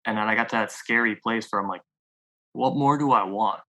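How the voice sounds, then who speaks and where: A musician in his late thirties speaks as a podcast guest in casual conversation, rambling reflectively and leaning on lots of fillers. His voice is fairly low, bright and forceful, and he talks a little fast.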